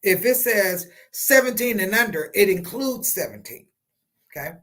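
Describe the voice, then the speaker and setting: Casting: tax-tip live-stream host, medium pitch, informal and conversational, often checking that listeners follow. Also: animated, moderate pace, a bit bright. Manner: conversational, checks understanding with "right?" and "okay?". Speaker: host giving tax tips.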